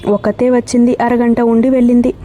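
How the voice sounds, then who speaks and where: A woman's voice: fairly high pitch, little pitch movement, fairly quick, mellow, soft background music, natural voice. Woman doing timid young housemaid. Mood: deferential. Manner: deferential, respectful address. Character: timid young housemaid, eager and easily scared.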